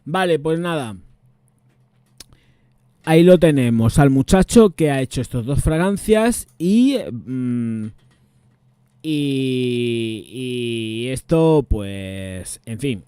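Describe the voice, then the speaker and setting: A man from talks casually through perfume notes, often thinking aloud and trailing off while he checks details. His voice is mellow and warm. The sound is dry and close to the mic. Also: mid-range voice, expressive, very slow, clear, resonant tone, no echo. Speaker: perfume reviewer. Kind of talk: casual chat.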